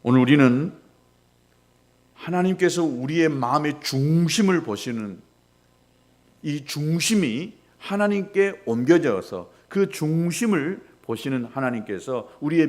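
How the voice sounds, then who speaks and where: A middle-aged male pastor preaching a sermon, swinging between loud rises and quiet drops. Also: animated, unhurried. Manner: preaching with dramatic rises and drops in pitch and volume.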